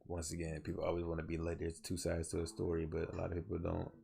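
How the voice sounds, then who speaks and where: A man's voice: low-pitched, monotone, fast, gravelly, mellow, a little hiss or hum. A young man hosting a solo podcast, talking earnestly and rambling with many restarts, tired and yawning. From southwest Georgia, US. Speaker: podcast host.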